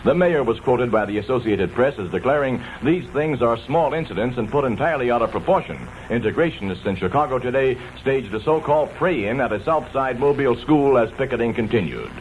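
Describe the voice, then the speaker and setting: A man's voice: mid-range voice, lively intonation, a little fast, few pauses. An American man reading a scripted 1960s radio news bulletin. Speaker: radio newsreader. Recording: dull vintage radio, faint noise.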